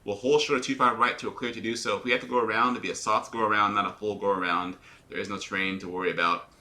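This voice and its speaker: An airline pilot commentates live on a flight simulator in a put-on radio-announcer voice, walking viewers through each checklist step. He stumbles and restarts now and then, with small repetitions. His lowish voice is steady, quick, pushed and bright.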